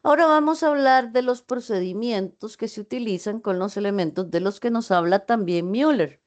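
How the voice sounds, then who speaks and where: A woman's voice: medium pitch, darkish tone, lo-fi sound. Woman teaching an online class. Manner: explanatory, with frequent "eh" fillers and self-corrections. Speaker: university teacher.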